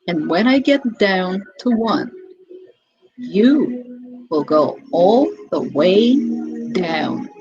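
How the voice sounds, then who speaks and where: Very slow female hypnotist voice, muffled audio. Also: medium pitch, darkish tone. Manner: slow, soothing hypnotist delivery with long pauses and drawn-out repeated words. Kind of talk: guided hypnosis relaxation script. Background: music.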